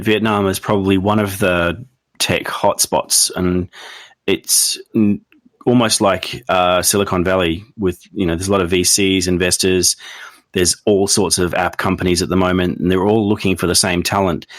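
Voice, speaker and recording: A man's voice: deep voice, steady tone, moderate pace, dry recording. A man hosting an interview, asking questions conversationally. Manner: conversational, short agreements. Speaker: podcast host.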